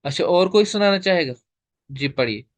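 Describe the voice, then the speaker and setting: Man, tajweed teacher, online class, patient step-by-step explaining, slightly high voice, dry close sound. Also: expressive, normal speed, no echo.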